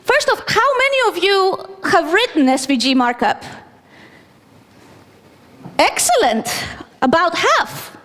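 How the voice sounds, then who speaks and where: High-voiced woman speaking in a large hall. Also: big pitch swings, slow pace, pauses often, fairly bright tone. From Greece. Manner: chatty, self-deprecating, with fillers. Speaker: conference speaker. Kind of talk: technical conference talk. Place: conference hall stage. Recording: long reverb of a large hall.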